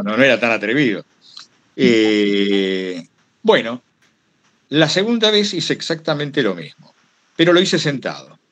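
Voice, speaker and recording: A guest storyteller giving a talk, this man has a Rioplatense Argentine accent and a medium-pitched, fairly bright voice. He tells anecdotes casually, drifting off on tangents and acting out what people said.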